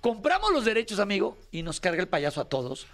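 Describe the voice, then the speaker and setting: A man's voice: sits high, huge pitch swings, quick pace, a bit bright. A middle-aged man with a Mexican accent hosting a casual chat and telling stories, acting out the quoted dialogue. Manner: storytelling, acts out quoted dialogue. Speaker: host.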